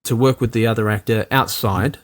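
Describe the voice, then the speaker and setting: A man, talking casually as an interview guest, animated and full of fillers. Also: fairly low pitch, brisk. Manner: animated, many fillers, acts out quoted lines. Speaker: actor and producer guest.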